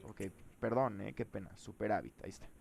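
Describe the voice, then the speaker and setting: A man's voice: fairly low pitch, a little fast, vocal fry, darkish tone, breathy edge, dry recording. A man teaching a live programming class, thinking aloud and asking the students questions.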